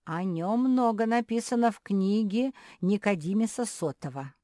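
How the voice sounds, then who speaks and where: A woman voicing an absent-minded old male bulldog professor who swaps r and l for v, speaking slowly and loudly. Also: mid-range voice, lively intonation, no echo, studio quality, voice pushed up, close to an everyday voice. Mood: lecturing. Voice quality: says "v" for r and l. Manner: slow, drawn-out, lecturing.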